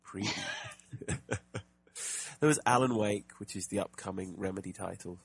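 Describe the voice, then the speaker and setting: A man with a fairly low, husky voice chats loosely about video games as a podcast co-host. He jokes often and trails through fillers and restarts. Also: normal speed. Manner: chatty, jokey, many fillers and restarts. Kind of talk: casual gaming podcast chat.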